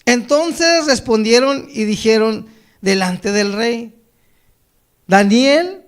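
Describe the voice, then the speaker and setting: A man's voice: very high-pitched, animated, smooth. A man preaching a sermon, reading scripture aloud and then talking it over, often calling his listeners brother and asking "right?". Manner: addresses listeners as brother, tags lines with a questioning "right?"; reads quoted lines slowly and loudly, then drops to a soft, quiet tone.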